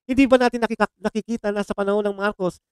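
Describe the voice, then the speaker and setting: A man from the Philippines rants at his viewers in a high-pitched voice. He is heated and sarcastic, and he keeps throwing in English exclamations. A faint background hiss runs under the talk. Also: fairly even intonation, very fast. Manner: calls viewers "mga chong". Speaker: political reaction vlogger. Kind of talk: ranting commentary to viewers.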